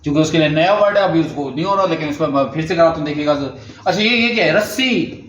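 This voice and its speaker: A man's voice: on the high side, quick pace, a bit bright, slight background noise. Patient male therapist in echoey room. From Pakistan. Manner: patient, repeats prompts and praises often. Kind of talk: speech therapy session with commentary. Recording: dull, echoey room recording.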